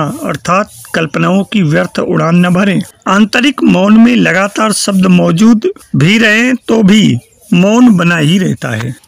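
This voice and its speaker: High gravelly man giving a spiritual talk. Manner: measured, preachy, recites verse. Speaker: spiritual teacher. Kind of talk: spiritual discourse.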